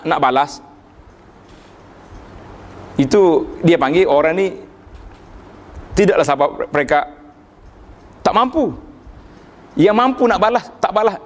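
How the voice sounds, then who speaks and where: Animated preacher man. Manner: animated, rises sharply in pitch for emphasis, recites Arabic verses. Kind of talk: religious lecture.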